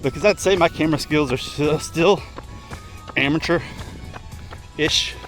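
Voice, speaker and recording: A middle-aged man chatting casually and ramblingly to his vlog while running, in short broken phrases with pauses. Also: on the high side, faint music behind. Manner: talking while running, slightly effortful. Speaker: vlogger. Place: outdoors, on the move.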